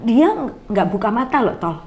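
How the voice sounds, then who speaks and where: A woman's voice: on the high side, sing-song, moderate pace, darkish tone. A middle-aged woman speaks as a guest in a coffee bar, telling a heartfelt personal story. She talks earnestly and slips into other people's voices when she quotes them.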